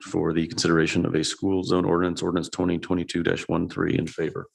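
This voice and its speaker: Male councilman, deep gravelly voice, terse replies. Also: completely flat delivery, fast talker. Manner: short, terse replies and seconds. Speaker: council member. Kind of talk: meeting discussion.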